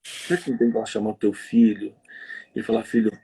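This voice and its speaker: A man preaching conversationally on a livestream, telling stories in a lively, slangy way. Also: on the low side, husky. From Rio de Janeiro. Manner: lively storytelling, slangy, quick asides.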